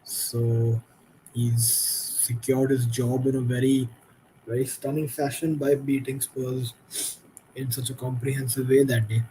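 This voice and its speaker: A man's voice: medium pitch, flat delivery, measured pace, warm tone, slight background noise, low-quality recording. A tired man hosting a late-night football watchalong, giving frustrated, critical reactions to the game as it happens. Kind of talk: live match commentary and reaction.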